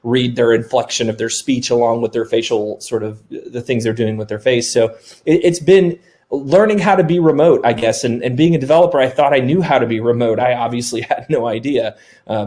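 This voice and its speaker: A man in his thirties, a software developer, speaking candidly with some self-deprecating humor on a webinar panel. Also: mid-range voice, brisk. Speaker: software developer, company founder. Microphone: video call.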